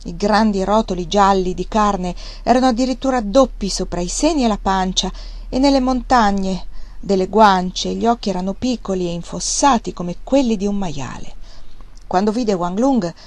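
Woman, audiobook reader, expressive, dramatic, dry close sound. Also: medium pitch, moderate pace, dry recording. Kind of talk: literary audiobook reading.

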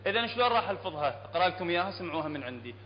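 A man with an Iraqi Arabic accent teaching Quran recitation to a class, explaining plainly, checking often with his students and chanting verses slowly. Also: high-pitched, sing-song. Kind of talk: classroom tajweed lesson. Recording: dull lo-fi hall recording, faint hum.

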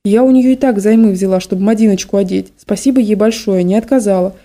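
A woman's voice: mid-range voice, fast talker, mellow, lightly acted. A woman voicing a worried, tearful middle-aged village mother who laments and pleads.

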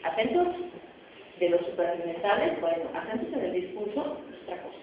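A woman's voice: lowish voice, animated, moderate pace, a little hiss or hum. Woman lecturing in an echoey classroom. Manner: explanatory, often checks in with "¿no?". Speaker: phonetics professor. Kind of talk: university lecture. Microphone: distant recorder. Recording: echoey, distant, muffled classroom recording.

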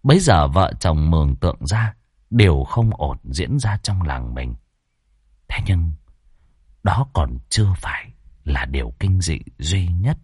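A man's voice: low voice, big pitch swings, a little slow, a little mellow, breathy edge, dry recording, studio quality. Dramatic male horror-story narrator.

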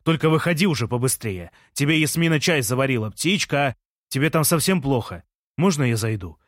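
A man's voice: mid-range voice, lively intonation, fairly quick, no room sound, studio quality, natural voice. A man voicing a fussy, anxious expectant father who frets and wails over his partner. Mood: pleading. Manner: fretting, wailing, smothering.

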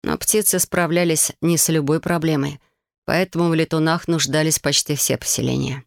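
An audiobook reader narrating a fantasy novel in a measured, even storytelling manner on a close studio mic. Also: mid-range voice, vocal fry, no room sound.

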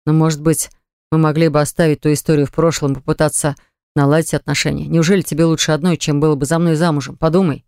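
Man reading jealous ex-fiancé, pleading, insistent, smooth clear voice, dry sound. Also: on the high side, level tone, quick pace, a little mellow, dry recording, natural voice. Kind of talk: audiobook dialogue reading.

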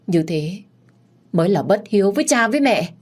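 A young woman, tearful yet defiant, pleads with emotion in an audiobook story, voiced by a woman narrator. Her voice sits a touch higher than the narration. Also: expressive, moderate pace, darkish tone, husky.

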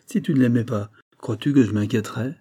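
A man's voice: medium pitch, a little fast, mellow, husky, no echo, studio quality, close to an everyday voice. A man voicing a vain, blustering older banker who lectures his son in a familiar, exasperated tone. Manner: familiar, then scolding and exasperated.

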